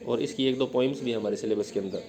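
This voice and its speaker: A man's voice: medium pitch, racing, dark tone. A male teacher giving an exam-prep lecture, explaining step by step and drilling his students with questions. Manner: explains step by step, often checks with "ठीक है?".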